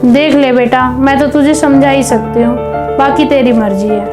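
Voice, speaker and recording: A woman playing a caring mother-in-law who gently advises her daughter-in-law in a family drama. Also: sits high, steady tone, moderate pace, lightly acted. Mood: advising. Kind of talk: scripted home video family drama. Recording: background music under dialogue.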